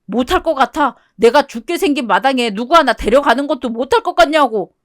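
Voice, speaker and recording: A woman's voice: high voice, expressive, a little fast. A woman voicing a desperate, clingy ex-husband who pleads and pities himself, in a one-voice radio drama reading. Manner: pleading, clingy, self-pitying. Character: whiny cheating ex-husband, middle-aged man, desperate.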